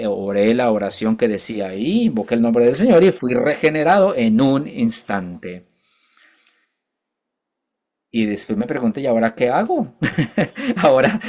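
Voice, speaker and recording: A male preacher shares his conversion story in a sermon at a medium, ordinary pitch. He talks haltingly, often breaking off and correcting himself mid-word. He keeps turning to his listeners with asides. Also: warm tone. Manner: halting, with frequent restarts and self-corrections; addresses listeners directly with asides. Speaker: preacher giving his testimony. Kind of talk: sermon with personal testimony.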